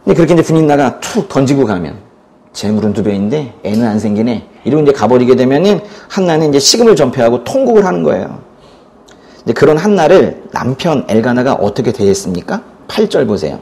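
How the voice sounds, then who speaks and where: Animated male pastor preaching a sermon. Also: mid-range voice, fast. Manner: animated storytelling, acts out quoted lines, asks the congregation questions.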